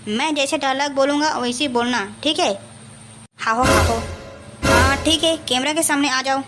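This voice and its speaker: A woman's voice: high-pitched, moderate pace, loud music behind the voice, natural voice. A woman with a Chhattisgarhi accent playing a bossy, short-tempered male city cameraman in a village comedy skit. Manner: scolding, impatient, mixes Hindi with village speech.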